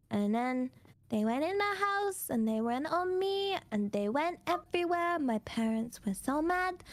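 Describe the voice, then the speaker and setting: This VTuber streamer has a high-pitched voice, captured in a dry recording. She tells stories in a casual chat, cutesy and playful, sprinkling in Japanese words.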